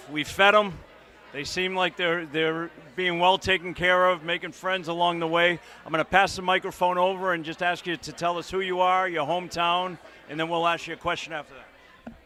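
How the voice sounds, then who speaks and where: A male sports reporter interviewing people on location, with a raised, bright, forceful voice. He is upbeat and encouraging and keeps thanking his guests. His manner is quick and friendly. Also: fairly high pitch. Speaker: sports reporter hosting coverage. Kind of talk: on-site interviewing.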